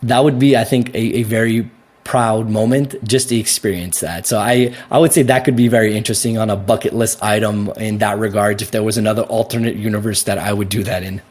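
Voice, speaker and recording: A young Canadian man, appearing as a guest, answers interview questions casually and with animation, speaking briskly in a fairly low voice. He laughs easily and often restarts his sentences.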